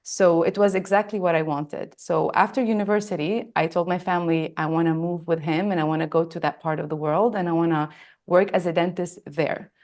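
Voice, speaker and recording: Speaking a little fast, this woman has a low-leaning, steady, darkish voice. Born in Australia and from Lebanon, she is around thirty to forty-nine years old. In an interview, she shares her personal story reflectively, with earnestness and emphasis.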